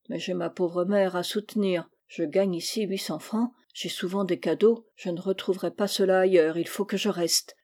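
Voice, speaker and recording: A woman's voice: fairly low pitch, a little mellow, natural voice. A woman voicing a put-upon maid in a storybook reading, grumbling to herself.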